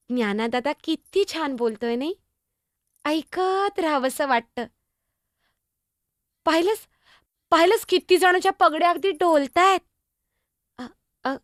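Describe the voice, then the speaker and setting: एका स्त्रीने साकारलेली लहानगी मुक्ताई, अवखळ, गप्पिष्ट, खूप उंच आवाज, एकपात्री नाटक. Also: female voice, sits high, no room sound, clean studio sound. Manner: chatty, teasing, innocent, exclamatory. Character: young girl, Muktai, lively younger sister. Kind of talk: solo stage monologue.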